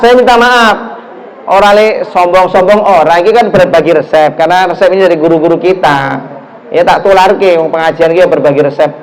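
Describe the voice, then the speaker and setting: A middle-aged man from Java with a Javanese accent, giving a lively sermon in a mosque, telling stories and acting out the people in them. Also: sits high, a little hiss or hum, rough recording. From Java, Indonesia. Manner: animated storytelling, acts out dialogue, mixes in Javanese phrases. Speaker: preacher.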